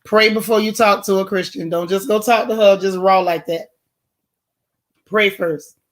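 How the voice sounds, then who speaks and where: Hosting a laid-back livestream, this woman responds to chat comments in a direct, emphatic way. Her voice is heavy, loud and bassy, currently hoarse, and she keeps a fairly even intonation at a normal speed.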